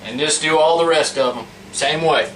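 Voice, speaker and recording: With a fairly bright tone and a moderate pace, a high-voiced home cook presents a recipe in an easy, folksy, plain-spoken demonstration. The recording is roomy and distant-miked, with a fan humming noisily throughout.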